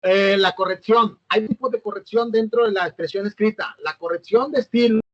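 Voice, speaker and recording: A man's voice: high voice, moderate pace, dry recording, dull audio. A man, recording a lecture for his students by himself, hesitant, with fillers and self-corrections and a habit of asking "¿no?". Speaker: teacher.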